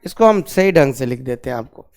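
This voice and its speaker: A man's voice: medium pitch, animated, a little mellow. A male grammar teacher giving a classroom lesson, asking the class questions and repeating key terms. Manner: drills slowly on key terms.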